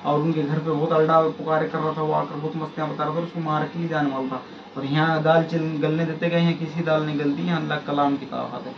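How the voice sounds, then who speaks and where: A man's voice: on the high side, level tone, fast, background noise. A middle-aged man preaching to listeners, exhorting them and repeating phrases for emphasis. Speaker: faith healer preacher. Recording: echoey lo-fi room with faint ambience.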